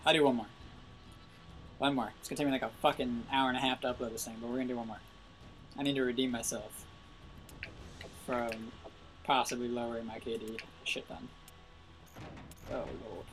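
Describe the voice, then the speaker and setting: A young man giving live gameplay commentary, frustrated and swearing loudly at other players. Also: medium pitch, fairly even intonation, a little fast, pauses often, background noise. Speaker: gaming video host.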